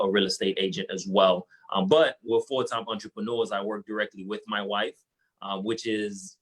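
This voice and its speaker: A man's voice: fairly low pitch, fairly bright tone, husky, rough recording. A young man from Haiti, a guest entrepreneur, talking casually and earnestly with many fillers and restarts in an interview. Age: young adult.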